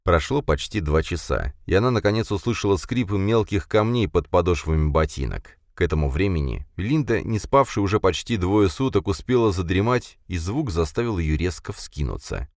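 Low-voiced man narrating a thriller. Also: normal speed, few pauses, no room sound, clean studio sound. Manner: expressive, tense storytelling. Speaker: audiobook narrator.

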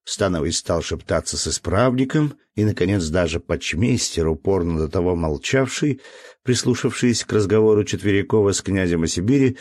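A man narrating a classic novel in a measured, even reading. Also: low-pitched, no room sound. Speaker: audiobook narrator.

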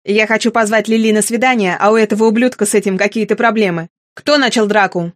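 A woman's voice: mid-range voice, steady tone, quick pace, dry recording, clean studio sound, natural voice. A woman voicing a cocky teenage boy who talks in a sullen, sneering way. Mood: mocking.

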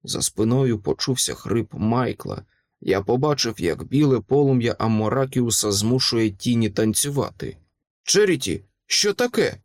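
A man's voice: medium pitch, animated, moderate pace, a little mellow, dry recording. A man reading a dramatic first-person audiobook narration with vivid delivery.

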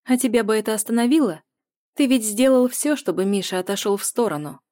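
A woman's voice: mid-range voice, animated, a little fast, dark tone, dry recording, clean studio sound, pitched above the performer's own voice, lightly acted. A woman voicing a defiant young heroine who snaps back through tears in an audiobook. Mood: angry. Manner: raised, pleading and snapping. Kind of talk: audiobook character voice.

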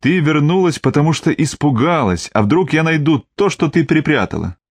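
A man's voice: a little high, expressive, normal speed, dry recording, pitched above the performer's own voice. A man voicing a wary, sardonic tough man in an audiobook, talking in a dry, mocking, cold way.

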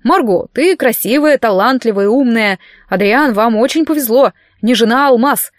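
Storybook figure: a flattering, pushy male publisher, as a woman reads him, slow gushing praise. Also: a little high, no echo, studio quality, close to an everyday voice. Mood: fawning. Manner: fawning, insistent.

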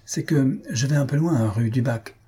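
A man's voice: medium pitch, normal speed, dark tone, breathy edge. A man voicing an ingratiating, deferential acquaintance in a storybook reading. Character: opportunistic male acquaintance cadging shelter.

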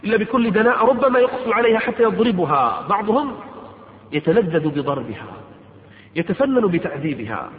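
A man's voice: high voice, sing-song, fairly quick. A man preaching a sermon, pleading with his listeners in an impassioned way. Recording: echoey hall, tinny narrow sound.

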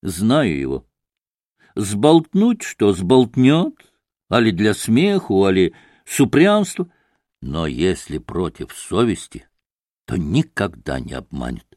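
A man reading the lines of an earnest, devout young woman in an audiobook, speaking low and heartfelt. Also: huge pitch swings, slow pace, a little mellow, no room sound, studio quality, full character voice.

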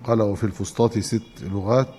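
A man with an Egyptian Arabic accent giving a religious lesson, reading a text aloud and explaining it in a measured way. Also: fairly low pitch, steady tone, dark tone, slightly rough, long reverb tail. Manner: measured, explanatory, restarts to correct himself. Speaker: Islamic scholar teaching hadith.

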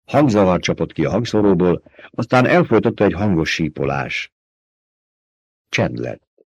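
A man reading a science fiction novel aloud in a steady, measured narration. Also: low voice, gravelly, husky, no room sound, dull audio. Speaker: audiobook narrator. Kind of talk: scripted narration.

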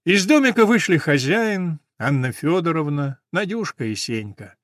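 Brief: male storybook narrator, mournful and calm, dry sound. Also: on the high side, normal speed, dry recording. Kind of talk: storybook reading.

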